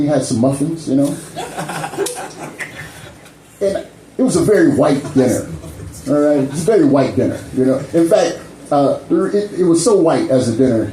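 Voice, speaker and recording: A man's voice: a little high, a little hiss or hum. A man doing a stand-up set, telling a story while constantly checking in with the crowd. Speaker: stand-up comedian. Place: comedy club stage. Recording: echoey club mic with loud crowd.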